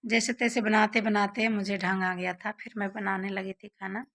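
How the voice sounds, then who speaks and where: A woman's voice: mid-range voice, flat delivery, normal speed, a bit bright. A young woman vlogger casually telling childhood stories to her viewers, often calling them friends.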